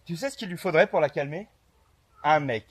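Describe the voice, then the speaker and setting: A man's voice: fairly high pitch, fairly quick, natural voice. A man rehearsing an amateur play, playing a blunt, scornful grown son who schemes over his mother. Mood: scheming.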